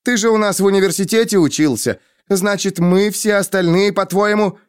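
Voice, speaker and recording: A proud, quick-tempered young woman, voiced by a man reading an audiobook, sharp and scornful. The voice sits high and heated, every line cutting. The studio sound is dry and close. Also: smooth, no echo, lightly acted. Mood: indignant.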